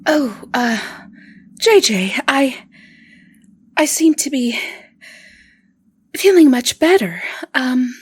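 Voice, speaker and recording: A woman voicing a possessed woman who speaks with unsettling, sing-song calm. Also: high voice, slow pace, pauses often, slight background noise, pitched above the performer's own voice, exaggerated voice. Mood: eerie. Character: possessed woman, eerily sweet, sinister.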